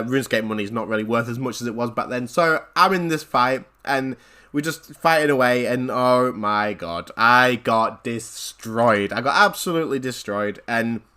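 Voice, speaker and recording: A man, a gaming channel host, telling a story-time vlog in an animated, rambling way with repeated phrases. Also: medium pitch.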